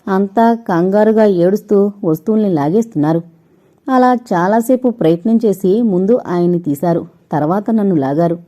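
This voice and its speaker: A woman's voice: mid-range voice, normal speed, dark tone. A woman narrating a suspense audio novel in the first person, giving the characters' lines small voice shifts.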